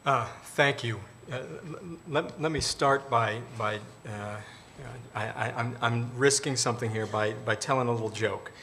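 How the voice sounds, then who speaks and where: A male government official speaks on a discussion panel. His voice is bright and forward, and he talks in a measured, formal way about policy. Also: medium pitch, a little hiss or hum.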